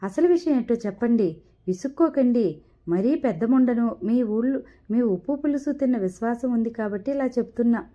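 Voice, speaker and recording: A woman voicing an old female servant who gossips in a hushed, confiding manner. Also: on the high side, natural voice. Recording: dull lo-fi recording.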